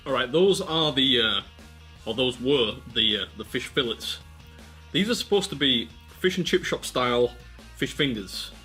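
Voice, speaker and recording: Chatty English vlog host, lively pitch. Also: male voice, normal speed, faint music behind. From England. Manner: chatty and self-mocking, with wry asides. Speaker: competitive eating video host. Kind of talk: casual vlog narration.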